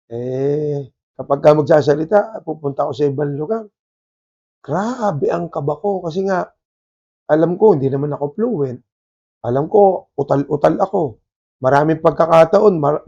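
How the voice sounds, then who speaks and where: A male pastor with a Filipino accent delivers an animated sermon in a mix of Tagalog and English. His voice sits high for a man, and he keeps pressing the congregation with rhetorical questions and emphatic asides.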